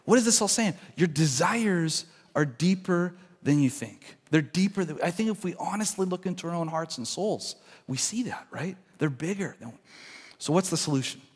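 A man's voice: sits high, fairly quick, slightly rough. A man preaching a sermon in a church, in an earnest conversational way, often restarting his sentences. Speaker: pastor. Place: church sanctuary. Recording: long church hall reverb.

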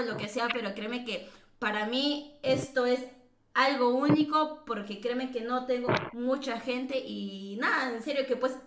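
A woman's voice: high-pitched, echoey room, noisy background. A Peruvian woman streaming a game, chatting and teasing with lots of fillers and laughter. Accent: Peruvian Spanish. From Peru. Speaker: streamer host. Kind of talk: casual chat while gaming.

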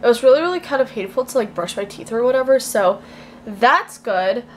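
A young woman chatting casually and excitably in a vlog, recorded on a handheld camera in a bedroom. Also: fairly high pitch, a little fast, slight background noise. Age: young adult. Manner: excitable, gushing, informal. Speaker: vlogger. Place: small bedroom indoors. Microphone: handheld camera at arm's length.

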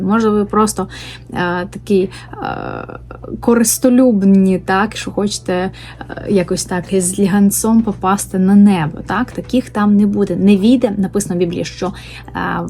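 A woman giving an informal Bible study talk, pausing often with fillers and tag questions and reading verses aloud slowly. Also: mid-range voice, a little mellow. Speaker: Bible teacher.

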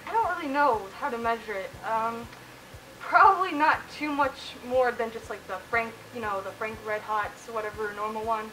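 A woman's voice: on the high side, a little hiss or hum, low-quality recording. A woman talking inside a costume head, chatting casually and rambling as she answers viewer questions. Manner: relaxed, rambling, with fillers and laughs. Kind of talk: casual Q&A chat.

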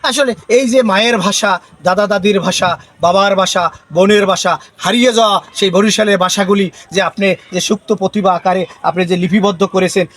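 High-voiced male news reporter. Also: fairly even intonation, brisk, fairly bright tone, no room sound. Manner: repeats filler "actually" often.

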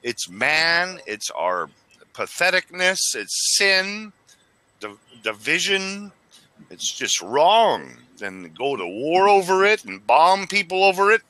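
A man in his forties from Arizona, United States, calls into a casual religious video chat from a small, dim room, talking fervently about faith while rambling and stumbling over words. His high, bright voice is sing-song and forceful, and he speaks slowly. Recorded on a headset, the audio is rough but has no room sound.

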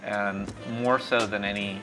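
Sitting by the street window of a small café, this Mexican-born, East Texas-raised CEO and startup founder, a middle-aged man, rambles through a casual interview with lots of fillers and false starts. His pitch is fairly low, his tone steady, and his pace a little slow, with music playing behind him.

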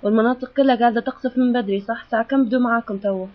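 Rapid-talking woman on a phone line. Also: a little high, steady tone. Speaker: interviewer. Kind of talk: phone interview.

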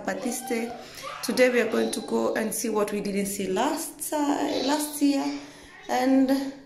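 A woman's voice: on the high side, gravelly, darkish tone, slight background noise. Chatty young woman vlogging on a phone. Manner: chatty, halting with restarts and fillers. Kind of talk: casual travel vlog. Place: inside a car, then a hotel room. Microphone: handheld phone camera.

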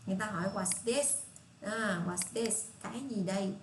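Patient Southern Vietnamese woman teacher. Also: medium pitch. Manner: patient, repeats herself, reads English phrases slowly. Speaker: English teacher. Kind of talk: casual spoken lesson for children. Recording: echoey room with faint hiss.

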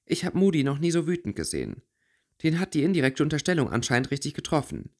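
Man reading as a caring teenage schoolgirl, chatty and steady, slightly raised pitch, audiobook character voice. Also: fast talker, full character voice. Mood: worried chatter.

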